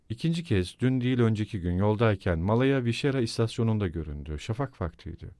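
A man's voice: fairly low pitch, a little mellow, dry recording, studio quality. A man voicing a brooding, eerie, absent-minded middle-aged landowner in an audiobook reading, with a musing, rambling delivery.

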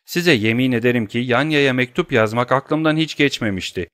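A man's voice: mid-range voice, normal speed, a bit bright, dry recording, clean studio sound, voice pushed up, lightly acted. A man voicing a frightened, indignant banker. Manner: defensive, protesting, agitated. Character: middle-aged banker, frightened yet indignant. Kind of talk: audiobook character reading.

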